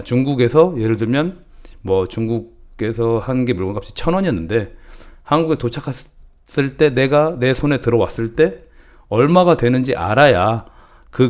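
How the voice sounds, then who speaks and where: A man's voice: medium pitch, a little mellow. A middle-aged man with a lilt, teaching import cost calculation in a folksy, casual way that calls himself grandma. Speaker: channel host teaching importing. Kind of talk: casual instructional talk.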